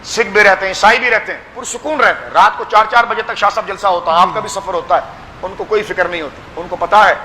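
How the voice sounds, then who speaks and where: High, bright impassioned Pakistani preacher man. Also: long reverb tail, a little hiss or hum. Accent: Pakistani Urdu. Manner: impassioned, exhorting, addresses listeners as children. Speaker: pir giving a religious speech. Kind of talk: fervent sermon at a gathering.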